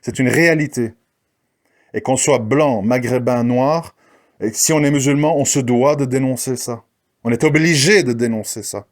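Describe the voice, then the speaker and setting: A man's voice: medium pitch, moderate pace. A man delivering a combative spoken monologue, challenging his listeners and mocking the people he criticizes. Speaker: commentator. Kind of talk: ranting monologue.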